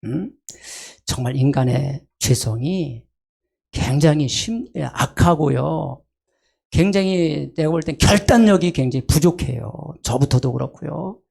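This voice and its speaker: Gravelly Korean pastor preaching. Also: male voice, fairly high pitch, a little slow. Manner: acts out voices with sudden loud calls, then drops to asides; asks the congregation short checks like "eh?" and "right?". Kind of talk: sermon.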